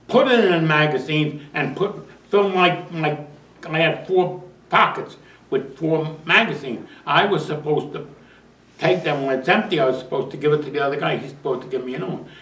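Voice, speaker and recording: An older man recalls his service in a rambling, chuckling way, his voice a touch high for a man. He sits back from the microphone in a roomy, echoing space. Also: normal speed, fairly bright tone, distant mic. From United States. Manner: rambling storytelling with restarts and chuckles. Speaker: war veteran interviewee. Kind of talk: oral history interview.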